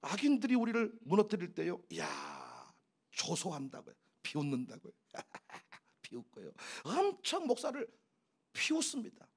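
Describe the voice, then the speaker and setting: A man preaching an animated sermon as a pastor, emphatic and often breaking into laughter as he acts out exchanges. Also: high voice, a little slow, breathy edge.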